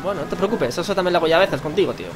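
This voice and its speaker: A man's voice: high-pitched, very fast. A young man with a Spain Spanish accent, casually commenting on a video game, joking and crude as he reads lines aloud. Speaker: gamer. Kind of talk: casual let's play commentary. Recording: game music in the background. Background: game music.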